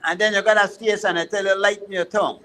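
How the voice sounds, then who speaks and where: Male chat host, Belizean Creole accent, very high and bright voice, informal delivery. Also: steady tone, fast talker. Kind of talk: casual chat.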